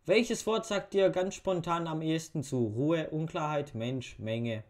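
A man's voice: a little high, a little slow, a little mellow. A young man reading quiz questions aloud and muttering wry answers in a casual home video commentary. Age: young adult. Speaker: YouTuber. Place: bedroom at home. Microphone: webcam facecam.

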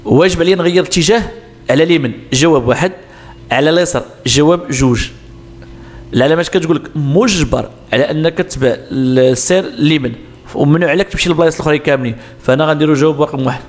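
A man's voice: a little high, rapid-fire. A man with a Moroccan Arabic accent explaining road sign exam answers step by step, asking questions and answering them himself. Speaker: driving instructor.

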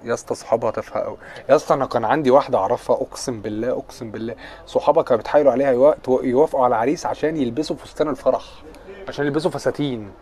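A man's voice: mid-range voice, very fast, darkish tone. A young man with an Egyptian accent chatting on a casual live stream, answering viewer comments in a joking, teasing way. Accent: Egyptian Arabic.

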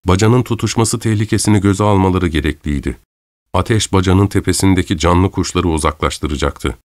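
A man reading an audiobook aloud in measured, dramatic scripted narration. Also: sits low, darkish tone, no room sound. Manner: measured, dramatic storytelling, voicing characters' lines lightly.

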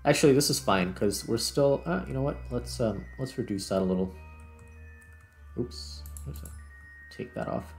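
Over background music, a man narrates his gameplay in a casual, think-aloud way. His mid-range voice is expressive, with vocal fry, a moderate pace and long pauses.

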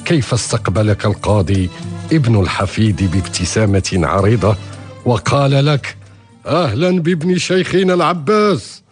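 An actor playing an older, pious merchant father in a historical radio drama, speaking formally and persuasively with a husky voice. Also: medium pitch, normal speed, faint music behind, natural voice. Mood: coaxing. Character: older merchant father, ambitious, pious, coaxing his son.

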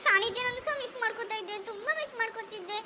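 A woman voicing a gushing cartoon girl with a squeaky, extremely high voice. She is all big feelings and quick tears. A clear hiss from the home recording runs under her. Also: pushed and bright, heavily acted. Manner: gushing, overly emotional. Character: excitable girl, big sister and hostess. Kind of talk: animated cartoon skit voice.

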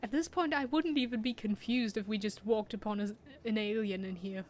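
Speaking a little fast in a slightly mellow, mid-range voice, a young German-accented woman streams a video game. She's chatty, reads and answers chat aloud, and laughs frequently through her casual commentary.

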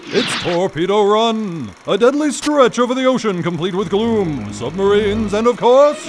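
A man playing a showy, mock-serious race announcer, delivering scripted cartoon narration with theatrical emphasis. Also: high-pitched. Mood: hyped.

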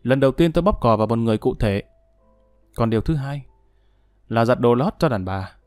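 A man's voice: medium pitch, lively intonation, fairly quick, darkish tone, dry recording, soft background music, close to an everyday voice. A man playing a condemned male murderer who talks in a gloomy, self-pitying way. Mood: remorseful.

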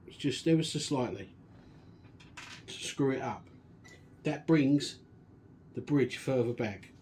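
A man casually walking through a guitar restoration and explaining each step in a relaxed, chatty way. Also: mid-range voice, slow pace, a little hiss or hum. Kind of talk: casual workshop demonstration.

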